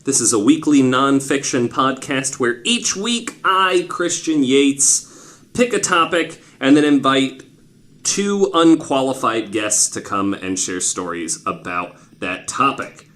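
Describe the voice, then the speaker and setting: A podcast host in his twenties tells stories casually, swearing and filling his speech with "like." His mid-range voice is fairly bright with lively intonation, and he speaks at a slow pace.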